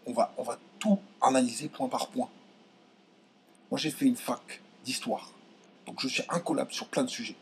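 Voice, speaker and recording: Speaking at a moderate pace over slight background noise, a young man from France delivers an indignant direct-to-camera rant to his viewers. He trips over his words and restarts often, his voice shooting up high when he's angered.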